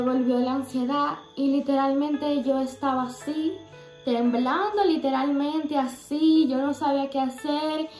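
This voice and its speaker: High-pitched young woman sharing a faith testimony, earnest and halting, roomy echo. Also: darkish tone. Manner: earnest, halting, many fillers and restarts.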